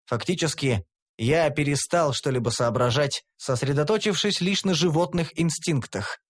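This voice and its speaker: A man narrating a humorous fantasy audiobook in the first person, with a wry, expressive delivery. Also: a little high, normal speed.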